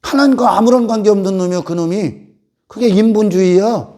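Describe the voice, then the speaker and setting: A man preaching a fiery sermon as pastor, rising to shouts and acting out the complaints of his hearers. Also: high-pitched, a little fast. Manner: fiery, rises to shouts, mimics complaining voices. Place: church sanctuary.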